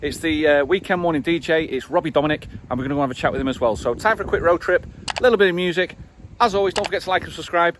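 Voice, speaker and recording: A man's voice: a little high, a bit bright, slight background noise. A man hosting an online radio show, doing a casual interview with an upbeat, enthusiastic manner. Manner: upbeat and enthusiastic, quick-fire.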